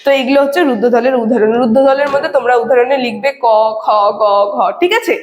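A woman's voice: high voice, very fast, a crowd in the background. A woman teacher explaining a lesson to her students, checking in often and asking questions she then answers herself. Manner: repeats "ঠিক আছে" and asks rhetorical questions. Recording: echoey room with long reverb.

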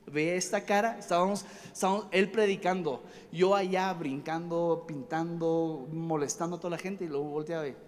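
A man's voice: fairly high pitch, normal speed, hardly any pauses. A young man preaching a storytelling sermon at a conference. He rambles from one anecdote to the next, jokes and acts out voices. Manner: animated, rambling, jumps between stories. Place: conference hall stage. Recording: reverberant hall, faint ambience.

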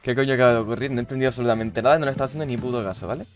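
A young man, giving casual, swear-heavy commentary over his gameplay with loud, baffled outbursts. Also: mid-range voice, fairly even intonation, rapid-fire, faint music behind. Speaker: gaming youtuber.

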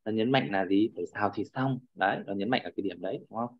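A man's voice: on the low side, fast talker, highs cut off. A man teaching a class over a video call, often checking in with his students and repeating fillers as he explains. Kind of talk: online class lecture.

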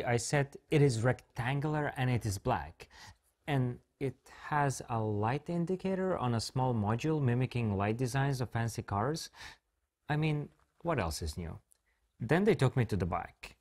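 A man presenting a product launch in a scripted, joking way, full of playful self-mocking asides. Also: mid-range voice.

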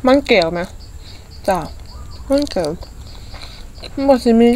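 A woman with an Isan accent chatting casually as she eats in a food vlog, using soft polite particles. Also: fairly high pitch, animated, slow, slight background noise. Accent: Isan (Northeastern Thai). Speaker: food vlogger.

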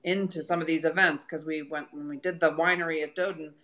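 A woman in a casual chat, agreeing warmly and adding her own points about the events. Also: low-pitched, steady tone, a little fast. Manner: agreeable, chimes in with affirmations.

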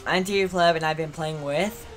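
A gaming channel host giving excitable live gameplay commentary, quick to get frustrated. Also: medium pitch, soft background music.

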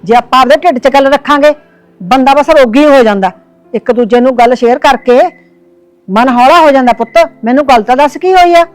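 A woman's voice: sits high, a little fast, soft background music, close to an everyday voice. A woman playing a grieving old village mother. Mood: worried. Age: older. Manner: pleading and consoling. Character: grieving elderly village mother, tender and devout. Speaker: actor. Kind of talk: village drama acting.

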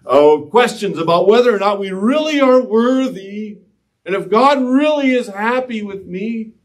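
The pastor, a man in his thirties, preaches a little slowly in a high-sitting, animated voice, lurching between impassioned volume and soft, quiet stretches. He waves his arms widely in front of the altar of a mid-sized sanctuary. The only microphone is on a far camera, so his voice carries from afar.

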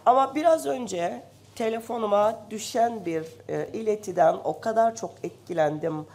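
A woman's voice: mid-range voice, moderate pace. A woman member of parliament, giving an impassioned, indignant speech at a rostrum microphone in a parliament chamber while slightly ill. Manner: impassioned, indignant, rising to loud emphasis.

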